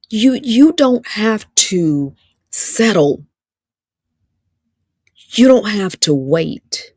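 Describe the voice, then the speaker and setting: A woman in her fifties with a Southern Alabama accent, a relationship speaker, delivers an emphatic, preacher-like motivational talk on a livestream, repeating lines for emphasis. Her voice is on the low side and darkish, captured with clean studio sound and no echo.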